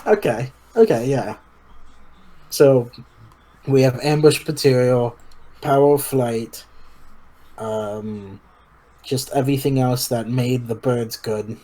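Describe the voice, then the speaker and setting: A man's voice: medium pitch, fairly even intonation, takes it slowly, pauses often, dark tone, low-quality recording. A young man chatting casually as co-host, hesitant and thinking aloud with fillers. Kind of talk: casual chat.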